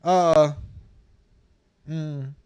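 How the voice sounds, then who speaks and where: A man with a Filipino accent doing casual live-stream commentary, animated and mocking, laughing often. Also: fairly high pitch, very slow, clear, resonant tone.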